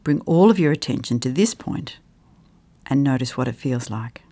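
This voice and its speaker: A meditation guide leading a guided meditation in a calm, soft delivery with long pauses, sometimes dropping into a soft whisper. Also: medium pitch, gravelly, breathy edge.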